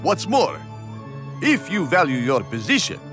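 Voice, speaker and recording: A man voicing a stern, secretive monster count in an animated series, formal and dramatic. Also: fairly high pitch, a little slow, over music. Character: stern, secretive old monster count, loyal police buddy.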